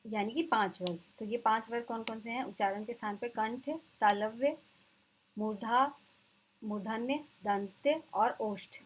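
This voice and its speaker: A woman teacher giving an exam-prep lecture, explaining terms and slowly repeating them for her students. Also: a little high, slight background noise, rough recording.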